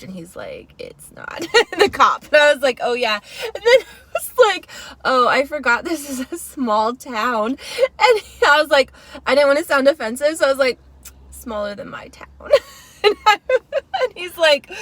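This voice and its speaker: A woman co-hosting a podcast in casual chat, telling a story in an animated way and acting out what other people said. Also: on the high side, normal speed, no room sound. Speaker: podcast co-host.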